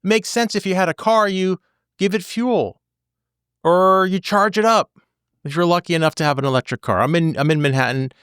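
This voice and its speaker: A man's voice: high voice, moderate pace, fairly bright tone, clean tone, dry recording, clean studio sound. A man in his forties hosting a podcast as a divorce attorney, talking casually and animatedly, repeating phrases for emphasis.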